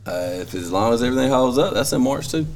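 A man's voice: medium pitch, animated, fast talker, darkish tone, soft background music. A man with a Southern US accent in casual, joking fight-gym banter on a podcast. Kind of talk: casual locker-room banter.

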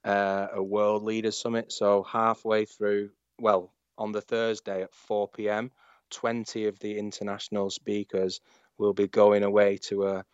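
Enthusiastic low-voiced man. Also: monotone, unhurried, clear, resonant tone, no room sound. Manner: enthusiastic, rambling, many restarts. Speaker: podcast guest, startup founder. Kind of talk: casual interview chat. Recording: dull lo-fi sound.

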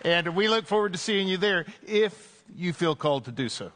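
Priest guy at the pulpit mic in church, slightly high voice, chatty sermon w/ little jokes and lots of uhs. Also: expressive, normal speed, noisy background. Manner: conversational preaching, gentle joking, frequent "uh" fillers. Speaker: Anglican priest.

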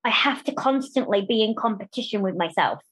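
A woman speaking candidly as a podcast interview guest, animated and quick to restart phrases and act out what others say. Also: mid-range voice, slightly rough, rough recording. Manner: animated, restarts phrases, acts out quoted voices.

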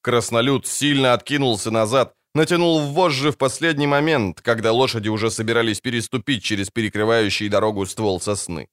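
A man narrating an audiobook in a measured storytelling manner. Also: medium pitch, fairly bright tone, dry recording, clean studio sound. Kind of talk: scripted narration.

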